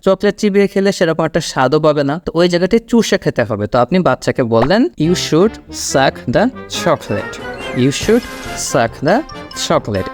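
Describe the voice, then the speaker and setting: A man teaching an online English lesson, explaining patiently and repeating words slowly for learners. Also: fairly high pitch.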